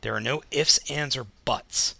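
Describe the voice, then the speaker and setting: A man's voice: mid-range voice, a little slow, vocal fry, pushed and bright, slightly rough, no echo. An American man co-hosting a casual podcast chat, talking in a slangy, emphatic, jokey way. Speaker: podcast co-host. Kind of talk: casual chat about toy news.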